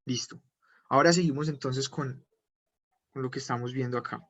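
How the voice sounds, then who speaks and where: A man teaching an online language class, patiently repeating words slowly for his students. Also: mid-range voice, fairly even intonation, fairly bright tone. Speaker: German teacher.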